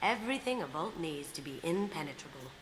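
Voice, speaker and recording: A woman's voice: deep voice, very animated, fairly quick, low-quality recording. An actress voicing a cocky, playful female master thief in a video game, confident and sly. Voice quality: confident, sly, softly spoken. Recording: game audio with clear background noise.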